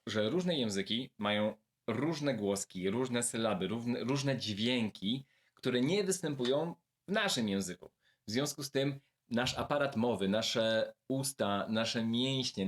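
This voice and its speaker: A man giving a video lesson, speaking directly and warmly to his viewers and slowly repeating words to show how to pronounce them. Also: mid-range voice. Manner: friendly, addresses viewers directly. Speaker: language teacher.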